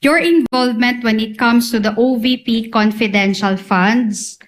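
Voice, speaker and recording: A woman's voice: fairly high pitch, moderate pace. A woman with a Filipino accent speaking as a lawyer in formal cross-examination, putting leading questions methodically, item by item.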